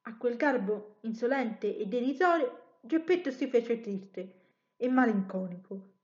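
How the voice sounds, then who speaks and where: A woman reading a children's story aloud, expressive, with an occasional self-correction. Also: on the high side, unhurried, muffled recording.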